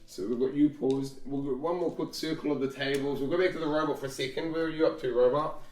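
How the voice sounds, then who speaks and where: A man's voice: a little high, steady tone, fast talker, a little mellow. Distant echoey man running a game. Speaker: dungeon master. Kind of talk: running a tabletop game over a call.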